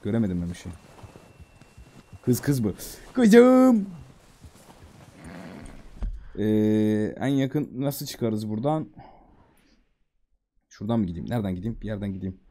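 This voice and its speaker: A man streaming a game, chatting casually to himself, reading prompts aloud with a Turkish accent and softly calming his horse. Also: fairly low pitch, a little fast, pauses often. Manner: repeats soft calming words. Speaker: gaming streamer. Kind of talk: casual let's-play commentary.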